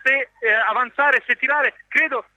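Guy doing excited breathless goal commentary on radio, high piercing voice, sounds like hes on a phone line. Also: no echo. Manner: excited, urgent shouts on goals, drawn-out repeats.

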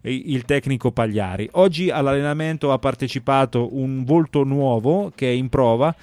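A man hosts casual sports talk. His medium-pitched voice comes through dry, with hardly any room sound. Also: normal speed, darkish tone, dry recording. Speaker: sports talk show host. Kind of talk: casual live football talk.

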